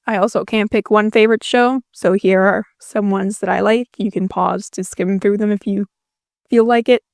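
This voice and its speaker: A young Finnish-native woman in Finland records a casual Q&A voice-over for her YouTube channel, making self-deprecating, dry jokes. Her medium-pitched voice is steady, gravelly and a little mellow at a normal pace, captured on a dry close mic with no room sound.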